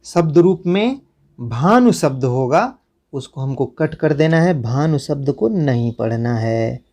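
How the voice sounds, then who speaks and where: Taking his time, a male teacher with a medium-pitched, expressive, mellow voice leads a lesson covering the school syllabus. He tells students which chapters to cross out, repeating himself in an instructive manner.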